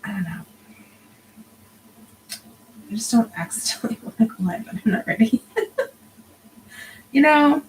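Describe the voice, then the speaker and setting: A woman's voice: a little high, animated, unhurried, long pauses, poor audio. Tired woman in her 30s chatting while she stitches, mumbles half-whispered counts, faint hum behind her. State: tired, yawning. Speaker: crafting vlogger. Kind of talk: casual chat while stitching.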